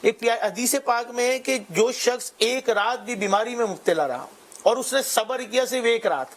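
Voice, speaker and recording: Guy w a pretty high voice talking on a religious tv panel, measured. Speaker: panelist on religious talk show. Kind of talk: religious talk show discussion.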